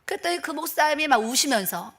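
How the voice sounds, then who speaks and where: High-voiced woman pastor telling a story. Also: fast talker, gravelly. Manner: lively, acts out dialogue, laughs often. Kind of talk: testimony sermon, storytelling.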